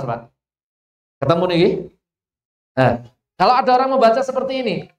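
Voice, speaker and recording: Javanese-accented recitation teacher, measured mid-pitched delivery, reverberant hall-like space. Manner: asks the listeners questions and answers them, stretches out example verses. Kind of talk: Quran recitation lesson. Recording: echoey room.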